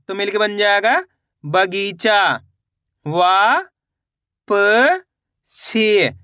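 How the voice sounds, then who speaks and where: A man with a high, bright voice sounds out words syllable by syllable, stopping to quiz the viewer. His voice is smooth and clear, recorded close and dry with no room sound. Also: no room sound. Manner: slow syllable-by-syllable, repeats questions to viewers. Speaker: Hindi reading teacher. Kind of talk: spelling-out reading lesson.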